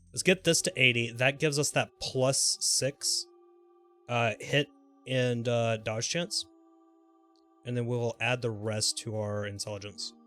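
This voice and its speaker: Playing a game on a live stream, this medium-pitched man reacts aloud, swears without restraint and keeps his commentary casual and full of exclamations.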